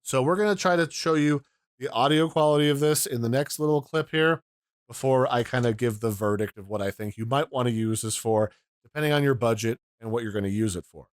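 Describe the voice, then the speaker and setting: A man's voice: mid-range voice, smooth, dry recording, clean studio sound. A man giving a casual, explanatory demo of audio mixers, pointing out their controls, recorded at home. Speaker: tech reviewer. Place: home room.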